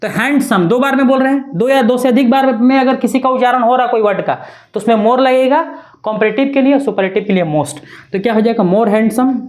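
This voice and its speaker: A woman leads a beginner grammar lesson in a patient classroom manner. Her voice sits a little high, and she spells each word out letter by letter before saying it in full. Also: a little mellow. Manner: spells words letter by letter, repeats with "है ना". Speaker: English grammar teacher.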